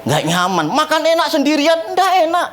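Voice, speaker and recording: A man's voice: very high voice, moderate pace, a little hiss or hum. A man preaching a sermon as pastor in a church, telling funny stories and laughing often as he talks. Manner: animated, joking, laughs often at his own stories. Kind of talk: humorous storytelling sermon.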